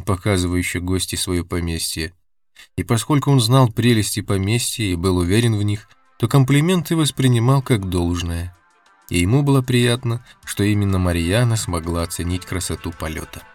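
A man narrating an audiobook in a steady, measured reading. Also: fairly low pitch, no room sound, faint music behind. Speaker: audiobook reader. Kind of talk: scripted narration.

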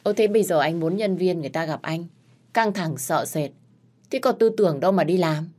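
A woman's voice: lowish voice, expressive, a little fast, a little mellow. A woman voicing a pregnant young wife who sulks and argues with her husband. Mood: protesting.

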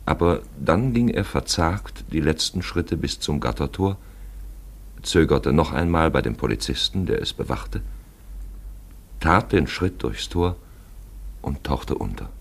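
A man with a very deep, gravelly, husky voice narrates a literary radio play, telling the story in an expressive, deliberate way.

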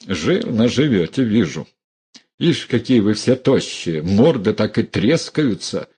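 A man's voice: fairly low pitch, big pitch swings, unhurried, dark tone, breathy edge, full character voice. A man voicing a furious, defiant young woman who hurls scornful accusations at her relatives.

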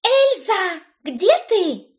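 A woman voicing a bossy young witch cousin who shouts shrill demands. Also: sing-song, normal speed, full character voice. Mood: shrill demanding.

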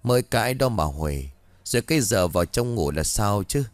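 This is a sharp-tongued young woman in a spoken ghost story who keeps scolding the two men around her. The pitch moves a lot and the sound is dry and close, with a man reading her lines in his own voice. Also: animated, moderate pace, dry recording, lightly acted.

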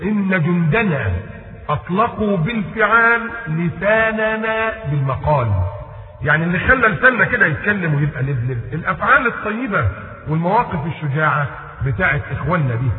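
Egyptian male preacher, rapid high-pitched storytelling, tinny recording with long hall reverb. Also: slight background noise. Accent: Egyptian Arabic. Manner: animated, quotes classical Arabic then explains in colloquial. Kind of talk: religious lecture with storytelling. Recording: echoey hall on a tinny phone-like line.

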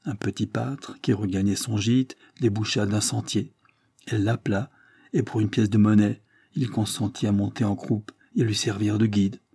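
A man reading a classic novel aloud in a measured, expressive narration at a close microphone. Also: fairly low pitch, breathy edge, dry recording. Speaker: audiobook narrator. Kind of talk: scripted literary narration.

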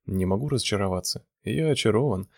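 Smug male gallery owner, read by a man, teasing, low, husky. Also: animated, fast talker, no room sound, clean studio sound. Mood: flirtatious. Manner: smooth, teasing flirtation.

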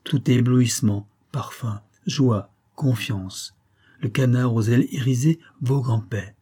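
Man reading an old doom-saying sorcerer, husky and mellow, solemn. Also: mid-range voice, unhurried. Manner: solemn, prophetic warnings.

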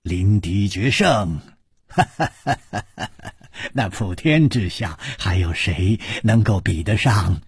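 A courteous young male lord who sighs and heaps on polite praise, as a storyteller puts him on. The voice is low, husky and slow, dry near the mic. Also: lively intonation, no room sound, exaggerated voice. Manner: polite, sighing, effusive. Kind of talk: radio storytelling.

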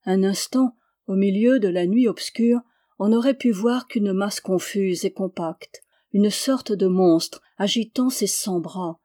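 Female audiobook narrator, measured storyteller, warm mellow tone. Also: medium pitch. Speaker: audiobook reader.

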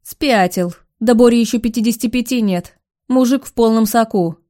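A woman voicing a brash young mistress who scolds and snipes in a loud, spiteful way. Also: fairly high pitch, normal speed, voice pushed up, close to an everyday voice. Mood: scolding.

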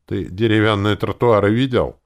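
A man's voice: lowish voice, moderate pace, pitched above the performer's own voice, natural voice. A man voicing a grumpy, foul-mouthed male elf druid who grumbles and bursts out in irritation, in an audiobook. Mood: irritated. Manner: gruff, swearing, exasperated outbursts. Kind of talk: audiobook character voice.

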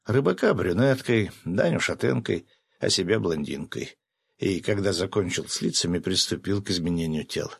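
A man narrating a first-person story aloud in a lively, wry manner. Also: deep voice, normal speed, creaky, husky, no room sound, clean studio sound. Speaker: audiobook narrator.

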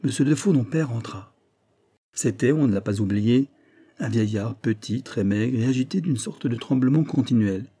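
A man reading a classic story aloud in a measured, dramatic way. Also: mid-range voice, warm tone, slightly rough. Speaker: audiobook reader. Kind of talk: scripted narration of a classic story.

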